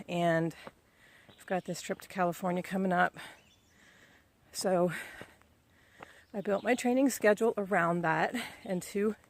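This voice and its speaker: A middle-aged woman giving a relaxed, chatty, self-encouraging training update on a ride outdoors. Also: lowish voice. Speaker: vlogger. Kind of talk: casual spoken training update.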